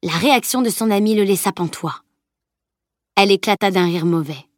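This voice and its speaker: A woman narrating a fantasy novel as an audiobook in a steady, measured read. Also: mid-range voice, dry recording, clean studio sound. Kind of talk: scripted narration.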